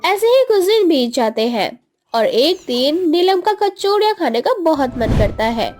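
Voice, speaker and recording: A woman narrating a cartoon story with an expressive, storybook delivery. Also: sits high, unhurried, faint music behind.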